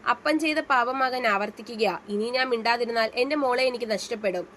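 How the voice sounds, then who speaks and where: A remorseful older father, heavy with guilt, pleading softly in a storybook reading, as a woman narrator puts him on. The voice sits fairly high for the part. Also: brisk, a little hiss or hum, natural voice. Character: older man, remorseful father begging forgiveness.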